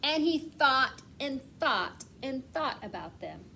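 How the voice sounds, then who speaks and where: A kindergarten teacher with a high voice reads a picture book aloud to young children. Her storytelling is expressive, with slowed, emphasised words, and she asks questions and pauses as though the kids are answering. The recording has no background noise.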